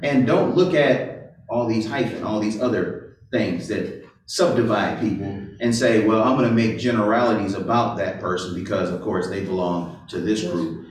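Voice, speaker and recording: This preacher, likely a pastor or Bible teacher, speaks with a lowish voice over a slight hiss or hum. His sermon is interactive, full of rhetorical questions and frequent "right?" check-ins, captured with room echo from a distance.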